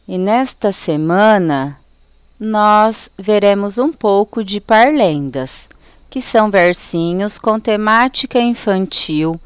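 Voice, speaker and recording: Brazilian woman teacher, slow and careful delivery, smooth voice on a dry close mic. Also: mid-range voice, dry recording. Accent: Brazilian Portuguese. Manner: slow, careful explanation, reading out lists. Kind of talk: recorded lesson for children.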